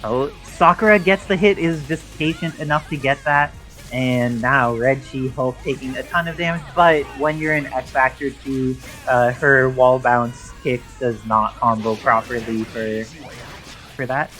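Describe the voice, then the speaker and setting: A man's voice: medium pitch, steady tone, a little slow, fairly bright tone, soft background music, low-quality recording. A man giving live play-by-play commentary on a fighting game tournament, explaining mechanics and history at length. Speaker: esports commentator.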